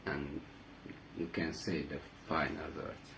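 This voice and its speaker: Low, slow-speaking Hungarian-accented man. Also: level tone, gravelly, background noise. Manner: halting, non-native English. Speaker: guest speaker. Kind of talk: personal testimony.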